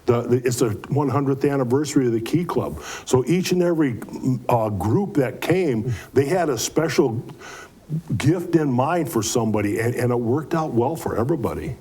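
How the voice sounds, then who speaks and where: Male community organizer, relaxed dark voice, earnest and folksy interviewee. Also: mid-range voice, normal speed, slightly rough. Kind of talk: conversational interview answers.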